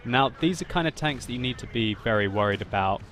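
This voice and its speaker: A man narrating his own tank battle gameplay as a voice-over commentary, laughing often and getting loud and excited at big moments. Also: medium pitch, brisk, a little hiss or hum. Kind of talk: video game commentary voice-over.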